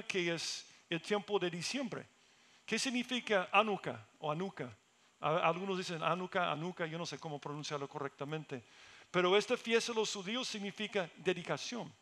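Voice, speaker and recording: A middle-aged man with a high, light voice preaches a sermon. He speaks earnestly and swells into emphatic, fervent peaks before settling back to calm explanation. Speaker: pastor.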